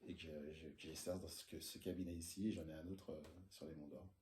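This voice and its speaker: A man's voice: rumbling low, fairly even intonation, fast talker, a little mellow, echoey room, slight background noise. A man in his forties, an osteopath, telling his life story in a casual interview, hesitating often with fillers and restarts. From France. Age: 40s. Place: his osteopathy practice room.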